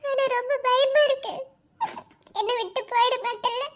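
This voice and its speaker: A clingy, tearful young wife in an animated cartoon. Her tone sits extremely high, almost childlike, and she pleads through sobs. She sounds desperate not to be left alone. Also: moderate pace, muffled recording. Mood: tearful pleading.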